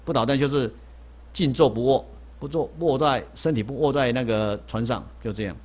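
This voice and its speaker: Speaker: a man, Buddhist monk. Pitch: middle, ordinary. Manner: repetitive storytelling, with rhetorical questions he answers himself. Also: brisk, darkish tone. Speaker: Buddhist monk lecturing on a sutra. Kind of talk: sermon storytelling. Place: lecture hall.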